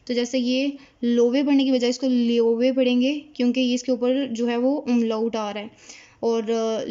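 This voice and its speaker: Woman teaching german words off a board, fairly high, flat delivery, kinda dull lo-fi sound. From Pakistan. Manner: explains slowly, repeats each word. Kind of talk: casual whiteboard lesson.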